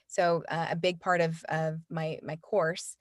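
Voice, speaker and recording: This voiceover coach has a deep voice with little pitch movement and a measured pace. Her casual interview is earnest, peppered with restarts and fillers, and the studio microphone gives clean studio sound with no echo.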